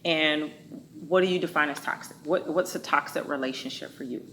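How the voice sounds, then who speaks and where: A woman's voice: deep voice, fairly quick, fairly bright tone, a little hiss or hum. A woman hosting a casual talk show, outspoken and playful, speaking. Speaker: host.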